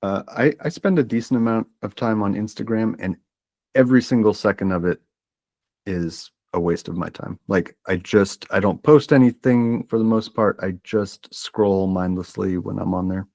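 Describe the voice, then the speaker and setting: A man, probably in his thirties, co-hosting a podcast, chatting in a relaxed, wry and reflective way. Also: on the low side, normal speed. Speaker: podcast co-host. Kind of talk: casual chat.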